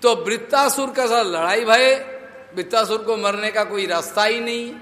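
A man's voice: high voice, moderate pace, a bit bright. A man, a monk preacher, telling a devotional story as a sermon, checking in with his listeners through rhetorical questions and mixing in English words. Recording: echoey hall reverb.

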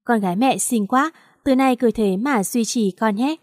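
A woman narrator voicing a caring, wealthy older mother who talks warmly and reassuringly to her daughter. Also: a little high, normal speed, no echo, clean studio sound, natural voice. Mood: fond.

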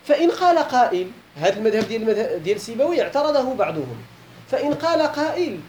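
A man's voice: very high-pitched, sing-song, racing, a little mellow, a little hiss or hum. A man with a Moroccan accent teaching a classical Arabic grammar lesson, posing questions to his students and repeating key points, with colloquial asides.

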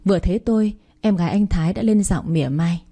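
A woman's voice: fairly low pitch, quick pace, mellow, breathy edge. Plaintive young woman telling her story. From Thanh Hóa, Vietnam. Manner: plaintive, emotional. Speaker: narrator. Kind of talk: first-person storybook narration.

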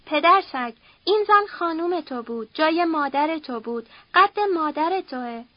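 A woman's voice: high voice, lively intonation, dry recording, highs cut off. A woman reading an audiobook, voicing a furious, domineering older father who hurls coarse threats. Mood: raging. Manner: shouting threats, harsh and coarse.

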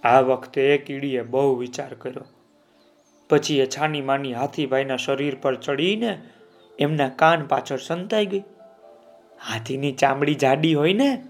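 A man telling a children's story in an expressive, lively way, asking his listeners questions. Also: fairly high pitch.

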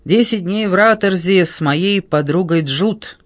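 Male narrator doing a sullen sixteen-year-old boy, mumbling, apologetic, slow, dry close sound. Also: high voice, no room sound, voice pushed up.

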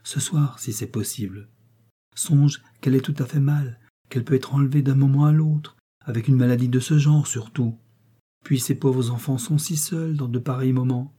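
A man reading an audiobook, voicing a gentle young princess who pleads tenderly. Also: mid-range voice, fairly even intonation, moderate pace, slightly rough, lightly acted. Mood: earnest pleading.

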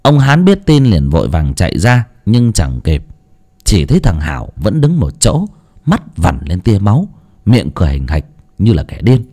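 A man narrating a ghost story with an expressive, dramatic reading. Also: low-pitched, moderate pace. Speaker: audiobook narrator.

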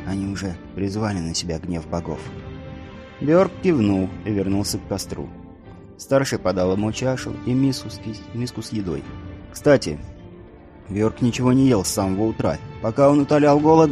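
A man narrating an audiobook in a steady, even storytelling manner. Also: lowish voice, normal speed, faint music behind.

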